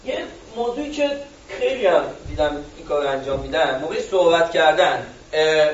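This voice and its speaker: High-voiced Iranian man coaching a workshop. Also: a little hiss or hum. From Iran. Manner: animated, swings between loud and soft, quizzes the audience. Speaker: public speaking coach. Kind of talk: live workshop talk. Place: workshop room with an audience. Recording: echoey room, distant and dull.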